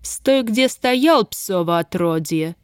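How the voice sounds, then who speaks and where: A woman's voice: mid-range voice, lively intonation, takes it slowly, smooth, dry recording, studio quality. A woman voicing a cruel, imperious female estate manager in an audiobook, contemptuous and barking orders in a thin, cutting voice. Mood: imperious, scornful. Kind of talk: audiobook character voice.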